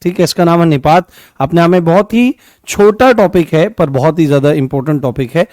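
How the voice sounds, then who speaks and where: A man's voice: on the high side, brisk, darkish tone, dry recording, studio quality. A man teaching an online grammar class, repeating key words and asking and answering his own questions.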